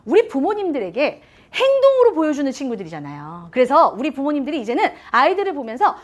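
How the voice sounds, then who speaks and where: A woman's voice: sits high, wildly swooping pitch, fast. A woman giving a live lecture to parents on communication styles, playful, often laughing and acting out what people say. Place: lecture room with a live audience.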